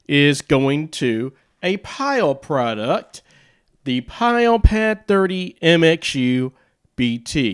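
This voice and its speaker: A man with a fairly high, smooth voice presents a radio and audio gear demo. He takes his time, explaining each point casually in short, halting phrases.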